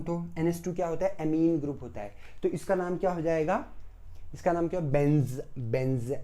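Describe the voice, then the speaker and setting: A man teaching pharmacy chemistry in a recorded lecture. He asks the class questions, answers them himself and repeats key terms several times. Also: a little high. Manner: swings between loud bursts and soft asides.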